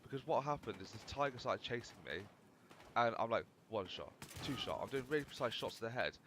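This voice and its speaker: A man's voice: mid-range voice, animated, quick pace, noisy background. A young man rambling casually through gameplay commentary, swearing freely as he chats. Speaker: gaming channel host.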